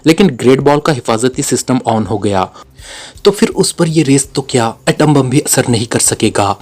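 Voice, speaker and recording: A man's voice: medium pitch, lively intonation, moderate pace, darkish tone, close to an everyday voice. A man voicing a frightened, timid captive who stammers, in a storybook reading. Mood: nervous.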